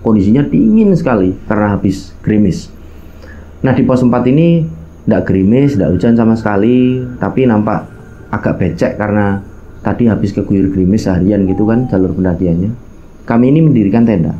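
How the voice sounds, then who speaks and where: A brisk, fairly low-voiced man with a Javanese accent narrates a hike he made on a mountain; the sound is muffled, with slight background noise. In a colloquial manner he speaks directly to listeners, dramatizes quoted speech, and weaves in local phrasing.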